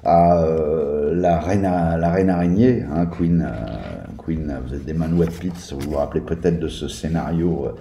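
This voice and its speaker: A man's voice: very deep voice, a little slow, creaky, few pauses, dark tone. A man reviewing a tabletop game book in a casual, hesitant way, with many fillers and restarts. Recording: echoey room.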